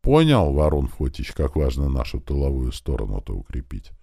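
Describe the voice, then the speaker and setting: A man's voice: very deep voice, huge pitch swings, moderate pace, gravelly, mellow, breathy edge, no room sound, clean studio sound, pitched below the performer's own voice, heavily acted. A man voicing an eager senior military engineer who presses his point earnestly, in an audiobook reading. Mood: insistent.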